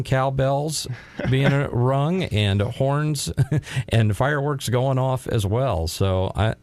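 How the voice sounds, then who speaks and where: A man's voice: mid-range voice, darkish tone, no echo. A man co-hosting a local sports talk show, chatting casually with playful sarcastic asides.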